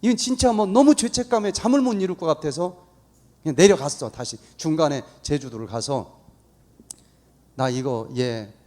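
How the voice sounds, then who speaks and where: A man giving a lively, story-filled talk at a church, acting out the voices of the people in his story. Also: sits high, fairly quick. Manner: animated storytelling, acts out quoted voices. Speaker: guest speaker. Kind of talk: church lecture.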